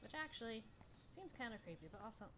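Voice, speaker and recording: A woman with a fairly high voice plays through a game and comments casually. She is wry and blunt, with clear background noise and game ambience. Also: very animated, fast. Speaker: gaming streamer. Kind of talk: casual let's-play commentary. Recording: noisy commentary over game audio.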